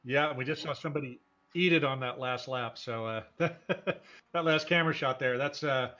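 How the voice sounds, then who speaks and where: A man with a medium-pitched, sharp-toned voice speaks at a moderate pace while hosting and commentating a live sim racing broadcast. His style is informal, folksy and enthusiastic, heard over dull lo-fi broadcast audio.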